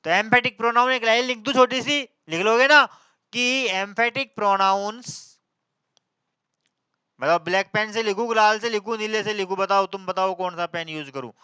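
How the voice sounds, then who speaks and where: Bright-voiced man teaching grammar. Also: high voice, clean tone, no room sound. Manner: asks the class questions and answers them himself; slows to a dictating drawl while writing. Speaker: English teacher. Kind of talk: Hindi-English grammar lesson.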